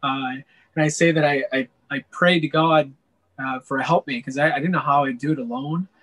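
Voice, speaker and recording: Man from Wisconsin, interview guest, earnest and steady, slightly high voice. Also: brisk, low-quality recording. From Wisconsin, USA. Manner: earnest, steady, frequent "uh" fillers. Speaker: missionary guest. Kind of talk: interview answers.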